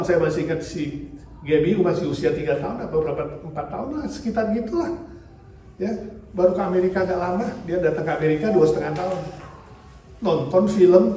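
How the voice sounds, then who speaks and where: A middle-aged male pastor preaching a sermon, swinging between loud emphatic lines and quiet low ones and answering his own questions. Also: slight background noise. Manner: asks the congregation questions and answers them himself. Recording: very echoey hall, heard from a distance.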